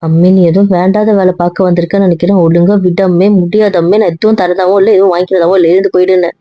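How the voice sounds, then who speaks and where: A woman's voice: lowish voice, fairly even intonation, fast, no room sound. A young woman playing the wife in a comic couple skit, pleading and coaxing, repeating herself often. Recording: dull lo-fi audio.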